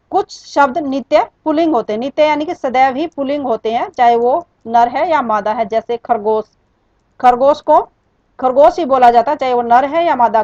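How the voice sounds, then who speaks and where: A woman's voice: fairly high pitch, no echo, muffled recording. A woman teaching a grammar lesson who explains patiently, keeps asking rhetorical questions and mixes in English words. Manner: asks and answers her own rhetorical questions. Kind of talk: classroom-style grammar lesson.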